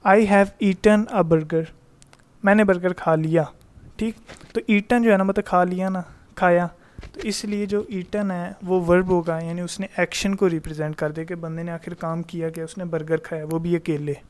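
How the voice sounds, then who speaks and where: A man teaching a grammar lesson in a voice-over, explaining in Hindi mixed with English terms, reading the English examples slowly and answering his own questions in a chatty way. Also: high-pitched, steady tone, a little mellow, smooth. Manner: reads English example sentences slowly and deliberately.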